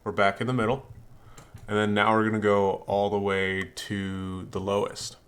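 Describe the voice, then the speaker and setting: A man's voice: lowish voice, level tone, moderate pace, clear, resonant tone. A man giving a casual, candid review of a product, talking in a chatty way with blunt opinions, into a desktop USB condenser microphone.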